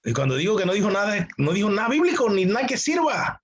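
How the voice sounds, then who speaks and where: Husky man preaching a class. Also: high-pitched, big pitch swings, fast talker, low-quality recording. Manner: emphatic, rhetorical questions. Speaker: pastor teaching a class. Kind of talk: teaching sermon.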